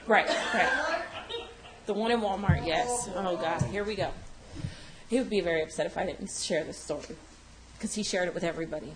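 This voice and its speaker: A mourner at a funeral gathering, this animated woman tells a funny story casually at normal speed, pausing often. She laughs and performs the quoted lines with large pitch leaps, while a crowd and other noise echo around the room.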